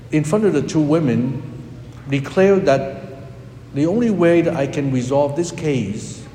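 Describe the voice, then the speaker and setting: Slow, animated male preacher in an echoing church. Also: mid-range voice, slight background noise. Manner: slow, emphatic delivery with dramatic rises and drops. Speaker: priest preaching a homily. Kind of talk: sermon. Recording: echoey hall with long reverb.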